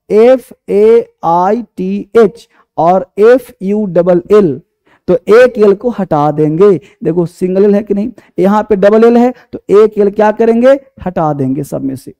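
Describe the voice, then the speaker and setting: A man's voice: high-pitched, normal speed, warm tone. A man teaching a class, who quizzes the students, answers his own questions and repeats each point, calling students by affectionate terms. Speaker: English teacher.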